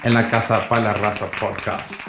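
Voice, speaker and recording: A man's voice: lowish voice, flat delivery, brisk, background noise. Slangy, hyped-up male podcast host, echoey room. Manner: slangy, effusive hype, says bro and man often. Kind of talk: casual interview chat. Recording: roomy echo with faint music.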